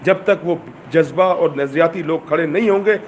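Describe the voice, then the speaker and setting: Pakistani man, fervent political speech, slightly high pitch, faint background noise. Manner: fervent, repetitive rhetorical questions. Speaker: movement chairman. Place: in a car while driving.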